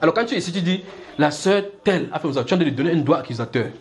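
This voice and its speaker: Animated preacher, man with a higher voice. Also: rapid-fire. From Cameroon. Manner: animated, acts out little scenes and keeps checking the congregation follows. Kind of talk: sermon.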